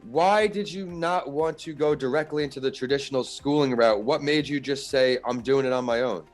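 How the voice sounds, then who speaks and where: A man hosts an interview show, delivering a scripted introduction in a steady, announcer-like way before questioning his guest. Faint music plays behind him. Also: mid-range voice, moderate pace. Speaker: podcast host.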